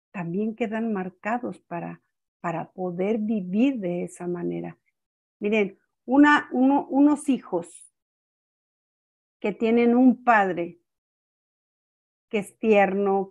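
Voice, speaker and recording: Older woman, family-class teacher; slow, deliberate delivery with repeats and frequent check-ins. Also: mid-range voice, vocal fry, darkish tone, lo-fi sound. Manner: unhurried, repeats words, checks in with "¿sí?". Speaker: family-school speaker. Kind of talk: teaching talk with personal stories.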